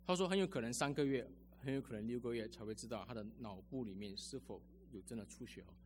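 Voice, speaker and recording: A man's voice: medium pitch, fast talker, noisy background. A man preaching a sermon as a pastor, telling personal stories in a chatty way with lots of sentence-final particles.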